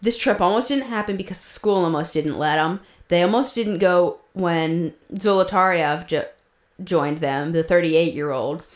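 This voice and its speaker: A woman with a fairly low-pitched voice, speaking at normal speed, co-hosts a podcast and tells the story casually. Recorded with a roomy echo, she's chatty, laughs often, and uses many fillers and restarts.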